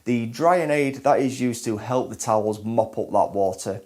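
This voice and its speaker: A man's voice: medium pitch, moderate pace, heavy background noise. Man restarting his presenter lines, take after take. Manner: flubs and restarts lines, repeating takes. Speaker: presenter of car detailing tutorials. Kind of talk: scripted instructional presenting to camera, in outtakes.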